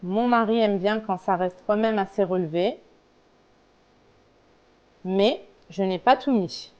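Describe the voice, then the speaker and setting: Female home cook, unhurried and explanatory, mellow tone, informal recipe walkthrough. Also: mid-range voice, lo-fi sound. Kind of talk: casual cooking tutorial, talking through steps.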